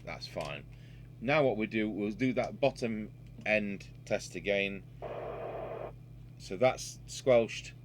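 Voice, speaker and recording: A British radio repair technician and presenter does an unscripted, hands-on repair demo, thinking aloud in a matter-of-fact way as he works. His voice sits on the low side with lively intonation, and he takes it slowly with frequent pauses. The workshop recording is noisy, with electrical hum.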